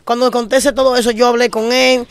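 A woman pastor with a Dominican Spanish accent recounts her testimony at a rapid clip, often repeating phrases in short bursts. Her voice is clean and crisp, recorded close and dry with no room echo. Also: fairly high pitch, level tone. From Dominican Republic. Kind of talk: emotional testimony storytelling. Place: living in Spain.

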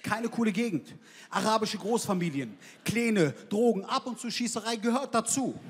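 Here a stand-up comic speaks in a husky, high-pitched voice at a moderate pace. He works a large theater stage with a handheld microphone, delivering brash, slangy punchlines as the crowd reacts live.

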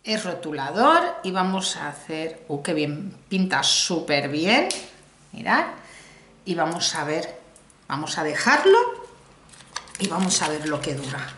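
A woman's voice: fairly low pitch, bright, forceful tone. A middle-aged woman from Spain with a Spanish accent, chatting casually to viewers as she reviews a makeup haul, exclamatory and talking straight to the camera. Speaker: beauty vlogger. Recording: echoey room, faint noise.

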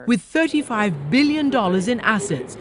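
A woman reading scripted news narration in a measured, emphatic way. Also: fairly high pitch, sing-song, crowd noise.

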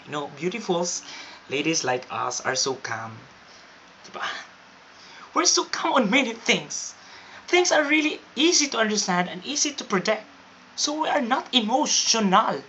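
A woman with a Filipino accent giving a comic monologue as a vlogger, boasting in a mock-confident, deadpan way. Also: mid-range voice, normal speed. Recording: dull lo-fi with faint hiss.

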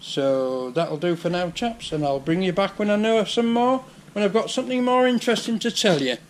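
In a casual workshop vlog shot on a head-mounted action camera, an older English vlogger with a Yorkshire accent chats through a garage repair step by step. He has a high voice at normal speed, with slight background noise.

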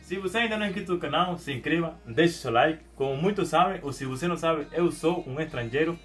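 A man's voice: fairly high pitch, fast, soft background music. A young man from Venezuela with a Venezuelan Spanish accent, a Spanish native speaker, talking casually to camera in a small room at home, hesitant with many restarts and repeated words. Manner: animated hand gestures. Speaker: YouTuber.

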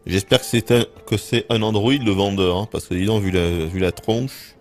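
A man's voice: fairly low pitch, normal speed, a little mellow, soft background music. A man streaming a video game, joking crudely and reacting in casual let's play commentary.

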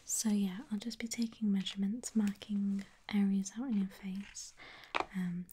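A woman's voice: medium pitch, warm tone, slight background noise. A young woman whispering an ASMR roleplay as a reassuring pre-surgery nurse, with hesitant ums. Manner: reassuring, clinical.

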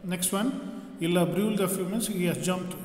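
A man's voice: high voice, normal speed. A man teaching a grammar lesson, explaining step by step like a classroom teacher. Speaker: French teacher. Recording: echoey room with long reverb.

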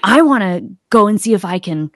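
Joining a casual podcast interview by video call from a small room at home, a middle-aged accountability coach talks fairly quickly. Her medium-pitched, somewhat bright voice is expressive, and the close desktop mic gives studio-quality sound with no room noise as she shares her experiences and thoughts.

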